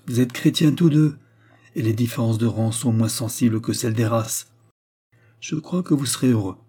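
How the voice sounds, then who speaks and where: A man reading a calm, solemn old mystic. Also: mid-range voice, moderate pace, breathy edge, lightly acted. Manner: calm, grave, blessing tone.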